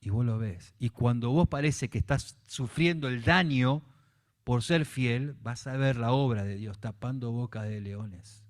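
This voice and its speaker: A man's voice: medium pitch, unhurried. Rioplatense man preaching animatedly. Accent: Rioplatense Spanish. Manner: animated preaching, acting out biblical dialogue with voseo. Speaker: pastor. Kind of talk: sermon.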